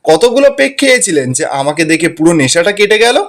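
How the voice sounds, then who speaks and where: একজন পুরুষ এক রাগী তরুণীর কথা কড়া, হুমকির সুরে বলছেন।. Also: male voice, a little high, sing-song, brisk. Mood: threatening. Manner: stern, threatening. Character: fierce young woman, threatening.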